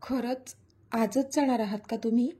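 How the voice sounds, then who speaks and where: A woman reading the lines of an emotional, shy young heroine in a love story, in a gentle, pleading way. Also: fairly high pitch, steady tone, normal speed, husky.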